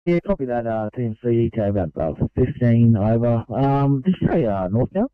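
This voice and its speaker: An Australian man on a road transport crew, answering over a two-way radio with brisk radio procedure and a few hesitant fillers. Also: mid-range voice, very animated, clear, resonant tone, dry recording. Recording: tinny narrow radio channel.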